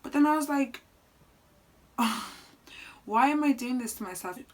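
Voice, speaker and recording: A woman's voice: sits high, takes it slowly, low-quality recording. Earnest young woman giving vlog advice. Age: 20s. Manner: earnest, animated, swings between soft asides and loud outbursts. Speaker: vlogger. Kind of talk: casual advice vlog talking to camera.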